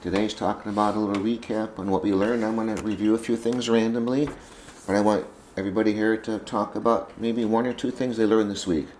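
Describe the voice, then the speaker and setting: In a conference room, a man gives an informal, conversational lecture to veterinary students, folksy in manner and prone to repeating points. His voice is fairly low, darkish, brisk, and fairly even in intonation. The echoey room carries faint ambience plus a little hiss or hum.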